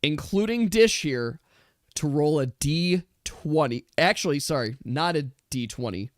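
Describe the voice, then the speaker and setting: A man's voice: a little high, animated, a little slow, dry recording, clean studio sound. A man narrating a tabletop game as game master, moving between dramatic storytelling and casual asides.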